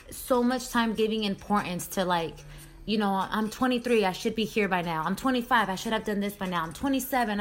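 In her personal vlog, a woman in her thirties speaks in a mid-range, slightly bright voice. She keeps it candid, chatty and relaxed, with slang and an occasional curse word.

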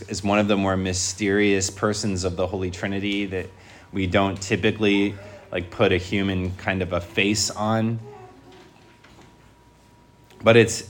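Male priest, lowish pitch, church preaching and scripture reading, deliberate phrasing, addressing a congregation. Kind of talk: Gospel reading and homily to a congregation. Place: church, speaking before a congregation.

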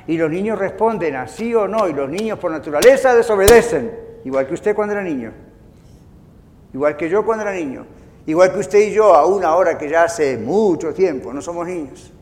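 A man pastor preaching a sermon in an animated way, acting out inner voices as he goes. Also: sits high, brisk, long reverb tail.

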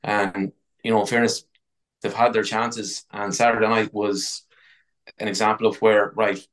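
A man's voice: lowish voice, little pitch movement, normal speed, a bit bright, rough recording. A man with an Irish accent in casual sports discussion, blunt, sweary and frustrated. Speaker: football podcast panellist.

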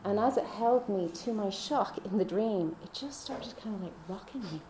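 A woman telling a personal faith story in a chatty way, laughing often and dropping into soft whispers. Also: medium pitch, normal speed, reverberant, slight background noise. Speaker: speaker.

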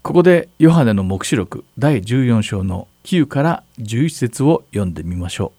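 A man serving as pastor, calmly explaining scripture in a Bible question-and-answer talk. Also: mid-range voice, moderate pace, slightly rough, no room sound, clean studio sound. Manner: calm, explanatory, asks partner to read verses. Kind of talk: Bible Q&A teaching.

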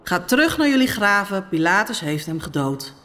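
Woman doing a bored male gatekeeper, flat and cold, couldn't care less. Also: medium pitch, normal speed. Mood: dismissive. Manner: flat, uninterested tone. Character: indifferent male palace gatekeeper.

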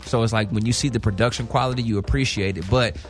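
With faint music behind him, a fairly low-voiced man talks fast as a radio show guest in the studio. The South Central LA music artist is casual, emphatic and full of slang, repeating points and checking in with whoever's listening.

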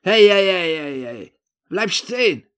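A man voicing his own drunk, furious younger self, slurring and shouting. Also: mid-range voice, expressive, measured pace, breathy edge. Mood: angry.

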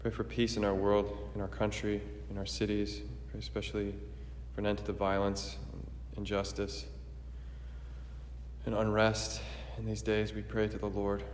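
Solemn priest in cathedral-like echo. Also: male voice, on the low side, monotone, slight background noise. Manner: measured, reverent, formal recitation. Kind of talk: solemn liturgical prayer. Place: large echoey church. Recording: cathedral-like echo, long hall reverb.

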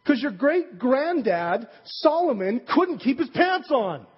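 A man's voice: very high voice, big pitch swings, takes it slowly, slightly rough, pitched above the performer's own voice, heavily acted. Fed-up male leader scolding his men, voiced by a preacher, dull lo-fi sound with a long hall echo. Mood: exasperated. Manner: exasperated, scolding, blunt slangy rebukes.

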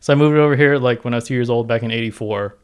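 A man's voice: mid-range voice, racing, clean tone. A man in his thirties who grew up in Southern California, a podcast guest chatting easily and trailing off with "so" and "yeah". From San Diego, Southern California. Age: 30s. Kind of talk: casual podcast chat.

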